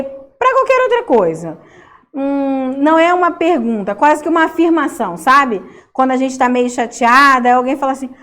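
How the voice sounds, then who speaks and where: A woman's voice: high-pitched, fairly bright tone. A young woman teacher giving a recorded Portuguese class to children, explaining in a sing-song way and checking in often with "ok?".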